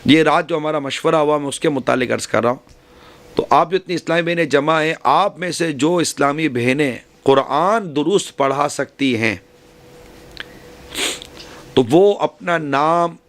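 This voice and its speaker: A man's voice: fairly high pitch, fairly bright tone. A man preaching to a women's gathering, giving earnest advice and often repeating and rephrasing his points. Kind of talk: religious speech.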